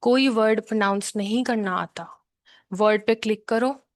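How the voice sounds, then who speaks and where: A woman tutor walks students through a reading task in a steady, patient way. She repeats key points and checks in often. Her voice sits in a middle range and sounds dry and close, with no room echo. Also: medium pitch, unhurried. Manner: patient, repetitive explaining with frequent check-ins. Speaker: exam prep tutor. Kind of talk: explanatory lesson, mixing English terms into her talk.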